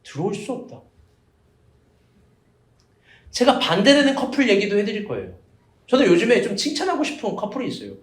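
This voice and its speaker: A man preaches in a small church, his very high voice swinging up and down as he jokes and questions the congregation. The room around him rings with a roomy echo. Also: quick pace. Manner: animated, jokey storytelling with questions to the congregation. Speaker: evangelist pastor. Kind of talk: sermon.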